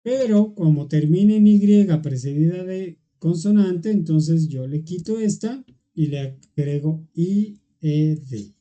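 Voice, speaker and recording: An English teacher explains grammar in an online class, slowly and patiently, with a very dark, mellow, mid-range voice. The recording is lo-fi, and the teacher moves step by step, often checking in with students.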